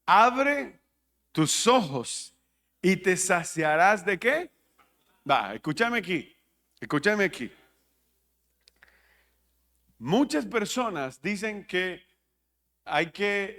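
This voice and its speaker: A man's voice: fairly high pitch, pushed and bright. A man, preaching a sermon as pastor, joking, laughing at his own jokes and questioning the congregation. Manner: jokey, laughs at his own jokes, acts out listeners' voices.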